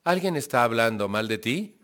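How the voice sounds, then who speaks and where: A man's voice: medium pitch, animated, moderate pace, fairly bright tone, lightly acted. A man imitating a female TV astrologer who speaks in a sugary, soothing way, quoted inside a spoken testimony. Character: TV horoscope woman, sweet and soothing.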